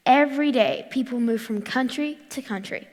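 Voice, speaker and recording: A teenage girl from Morocco and Australia giving a clear, rehearsed talk on stage. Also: high voice, normal speed, big-room sound. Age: teens. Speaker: youth speaker. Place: large hall.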